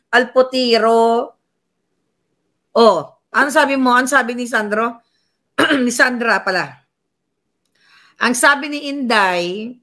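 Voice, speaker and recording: A woman's voice: fairly high pitch, pushed and bright. Scornful woman vlogger. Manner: mocking, scornful, reads comments and quotes aloud. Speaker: political commentary vlogger. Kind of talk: casual political commentary livestream.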